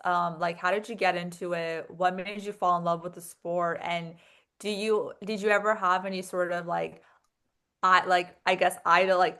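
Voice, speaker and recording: A woman's voice: lowish voice, bright, forceful tone. A young woman hosting a casual podcast interview, chatty and full of "like" and "um," stacking several questions at once. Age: young adult. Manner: chatty, lots of likes and ums, asks stacked questions. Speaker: podcast host.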